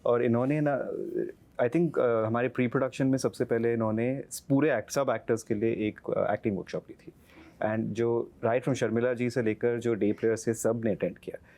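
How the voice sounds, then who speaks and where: A man's voice: medium pitch, steady tone, moderate pace, warm tone. A man answering interview questions as a film director, freely switching into English with frequent fillers. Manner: mixes English into his sentences, fillers like uh.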